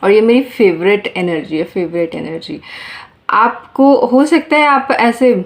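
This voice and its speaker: A woman speaks straight to her viewers as she reads tarot cards, at a middling pitch. She talks earnestly and often circles back to repeat her phrases. It sounds like casual, unscripted talk to a camera. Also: expressive, measured pace. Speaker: tarot reader. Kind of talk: casual spoken tarot reading.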